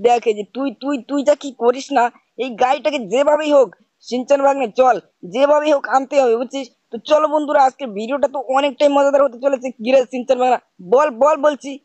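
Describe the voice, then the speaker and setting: A gaming host provides playful commentary over gameplay while playing a scolding uncle, constantly asking "bujhchhis?" to check he's understood. His voice is high-pitched, steady, a little mellow, and fast, with no echo but dull audio.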